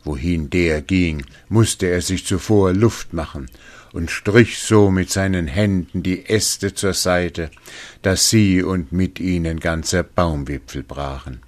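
A man reading a fairy tale aloud in a deliberate, expressive storytelling manner. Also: low voice.

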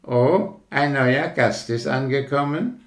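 A small, happy pond frog from a storybook, voiced by a man that chats away in a cheerful, gossipy manner. The voice is lifted clearly above a low male register. A roomy echo hangs on it. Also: slow. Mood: content.

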